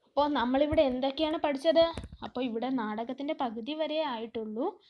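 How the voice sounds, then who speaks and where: A woman's voice: sits high, slight background noise. A woman teacher explaining a play line by line, asking questions and answering them herself. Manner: reads slowly, then explains line by line. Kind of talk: classroom lesson explaining a play. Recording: dull lo-fi recording.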